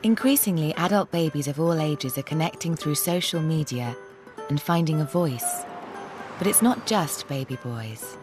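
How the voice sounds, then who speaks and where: A British woman giving calm, measured, scripted narration for a documentary. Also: deep voice. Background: music.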